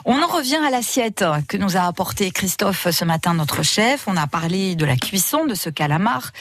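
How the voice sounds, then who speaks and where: A woman hosting a live radio cooking show, chatting with guests and asking quick follow-up questions. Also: mid-range voice, animated, a bit bright, no room sound. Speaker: radio host.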